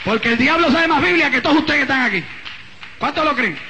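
Impassioned male evangelist preaching a testimony, sharp high voice. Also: lively intonation, quick pace, a faint crowd, a little hiss or hum, low-quality recording. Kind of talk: sermon testimony. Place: church with a congregation.

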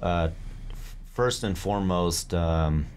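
A man's voice: low voice, slow pace, darkish tone, a little hiss or hum. A man in his thirties, a barbershop owner, talking casually and laid-back in an interview, with slang and easy laughs. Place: barbershop, indoors.

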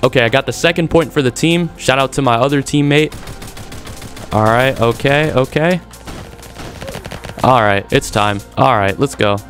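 Man, gaming commentary, excitable, trash talk, medium pitch, faint music and gunshots behind. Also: moderate pace, long pauses. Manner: excitable, talks trash to opponents. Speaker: gaming YouTuber. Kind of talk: live gameplay commentary. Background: game music and gunfire.

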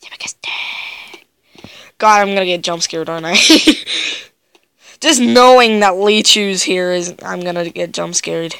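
A woman's voice: lowish voice, measured pace, vocal fry, pauses often, fairly bright tone, clean tone, no echo. A young woman doing gameplay commentary, jumpy and yelping with laughter when scared. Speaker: gaming video creator.

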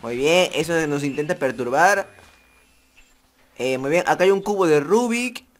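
A man's voice: a little high, animated, measured pace. A young man with a Peruvian Spanish accent, playing a horror game and commenting for viewers, jumpy and joking. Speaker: gaming youtuber. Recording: faint music behind voice.

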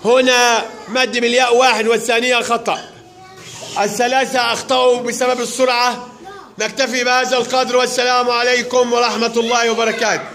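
A male teacher runs a word game in a large classroom, calling pupils up in turn and urging them to hurry. He sounds brisk and directive. His voice is very high, level in tone, pushed and bright.

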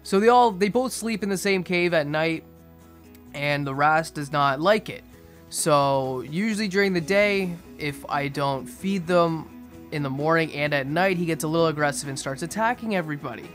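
A young man giving a casual aquarium update voice-over in a monotone, restrained way. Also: fairly high pitch, moderate pace. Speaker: fishkeeping video host. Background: music behind the voice.

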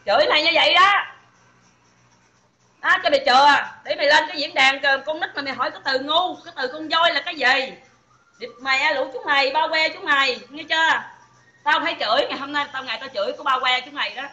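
A woman's voice: high voice, fast talker, echoey room. A woman with a Southern Vietnamese accent, ranting profanely and taunting her listeners on a phone livestream. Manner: profane, taunting, shouting insults. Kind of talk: angry livestream rant.

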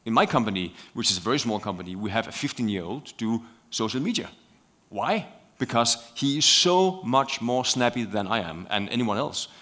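A man's voice: mid-range voice, animated, normal speed, a bit bright. A man with a Danish accent speaking as a guest on a conference panel, talking animatedly with many fillers and repeated words. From Denmark.

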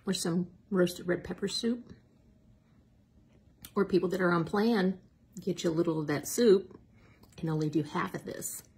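A woman's voice: on the low side, steady tone, unhurried, pauses often, darkish tone, breathy edge. A middle-aged woman, chatting casually and self-mockingly as a diet coach in a cooking vlog. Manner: chatty, self-mocking, drops to a whisper at times.

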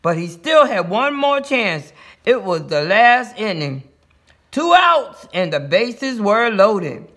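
A man reading a children's picture book aloud in a lively way, with sound effects and small slips. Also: extremely high pitch. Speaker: story reader.

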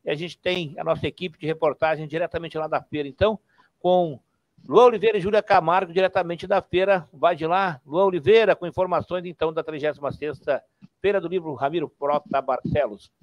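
A man's voice: fairly high pitch, fairly quick, no echo, muffled recording. A man in his fifties presenting live radio from a small studio, upbeat and repeating phrases as he hands over to reporters. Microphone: studio mic with headphones.

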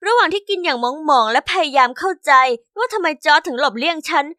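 A young woman narrating a first-person diary story in a chatty, expressive scripted style. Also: high voice, fast talker, no room sound, studio quality.

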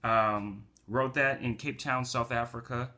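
A man with a mid-range, pushed and bright voice speaks at a measured pace in a steady tone. He's a community organizer and poet from the United States who chats from home with fillers before launching into an emphatic recital of his poems.

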